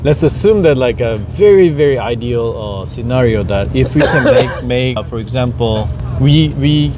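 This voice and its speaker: A man's voice: mid-range voice, expressive, moderate pace. A man who runs a company, talking earnestly with drivers over dinner and explaining his plans with many restarts. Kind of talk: casual dinner conversation. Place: outdoor parking lot. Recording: noisy outdoor parking lot.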